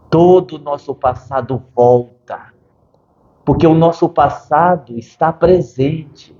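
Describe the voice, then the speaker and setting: Slow, dark-voiced man speaking as a spirit. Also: a little high, roomy sound, lo-fi sound. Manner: measured, with dry humor. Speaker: medium speaking as a spirit doctor. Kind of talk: channeled spirit interview.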